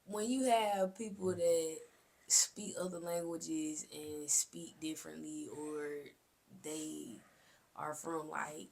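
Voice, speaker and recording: A woman with a low, gravelly voice that has some vocal fry. She talks casually and uses slang as she hosts an interview. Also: fairly even intonation, takes it slowly, a little mellow.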